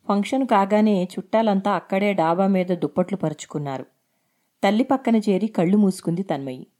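A woman reading a story aloud in a steady, expressive narrating voice. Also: lowish voice.

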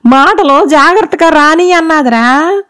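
A woman voicing an old village mother-in-law who scolds loudly in rustic speech. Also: high-pitched, lively intonation, unhurried, pitched above the performer's own voice. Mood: scolding.

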